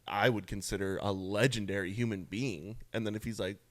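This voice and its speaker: Laid-back young guy cohosting a podcast, kinda low voice, dry studio mic. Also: steady tone, a little fast, a bit bright, no room sound. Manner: laid-back storytelling, swears casually. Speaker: podcast co-host. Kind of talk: casual chat.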